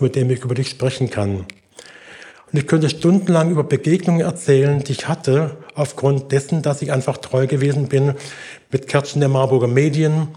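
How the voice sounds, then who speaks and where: A man's voice: mid-range voice, warm tone. An older man preaching a sermon in an earnest, encouraging way, acting out the voices in a story he tells.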